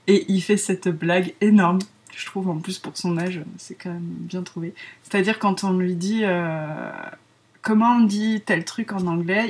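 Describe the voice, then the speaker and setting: A woman in her thirties with a French accent hosts a craft podcast, chatting casually in a giggly, rambling way full of fillers. Her voice is on the low side and slightly rough.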